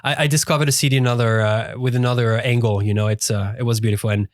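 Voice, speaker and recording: A man co-hosting a podcast in casual chat, speaking haltingly with many fillers and restarts. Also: mid-range voice, fairly even intonation, no room sound, studio quality. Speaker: podcast co-host. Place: dry studio.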